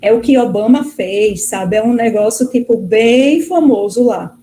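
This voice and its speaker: A woman's voice: fairly high pitch, measured pace, warm tone, poor audio. A middle-aged woman from Brazil, a guest professor answering interview questions in a chatty way, full of fillers and restarts. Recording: faint background noise.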